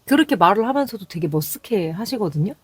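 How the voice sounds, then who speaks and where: This call center agent, a young woman with a Seoul Korean accent, is animated and talks fast in a medium-pitched, slightly rough voice. In her casual vlog she tells candid, chatty stories about work, quoting callers, and there's no echo.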